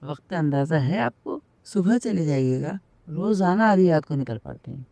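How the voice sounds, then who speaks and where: A worried, reproachful wife. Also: female voice, low voice, expressive, normal speed, vocal fry, mellow, no echo. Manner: questioning, weary. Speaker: mother and wife. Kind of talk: Urdu film dubbing.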